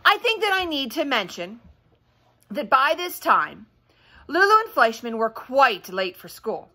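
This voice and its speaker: A woman with a slightly high, pushed, bright voice reads a children's story expressively beside a fireplace at home. She keeps breaking off to chat and ask her young audience questions.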